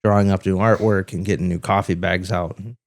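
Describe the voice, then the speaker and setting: A man's voice: sits low, fairly even intonation, brisk, vocal fry, no room sound, studio quality. A man co-hosting a podcast in casual chat, rambling and swearing freely, a bit under the weather. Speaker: podcast co-host.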